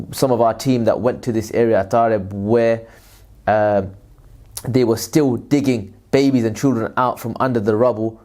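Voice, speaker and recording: An aid worker who also vlogs answers viewers' questions in a casual video, rambling loosely with plenty of fillers and religious phrases. His voice is lowish and a little mellow.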